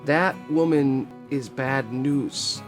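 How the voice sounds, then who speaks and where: A man voicing a timid, nervous young townsman who speaks quietly and hesitantly. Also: mid-range voice, very slow, faint music behind. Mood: warning.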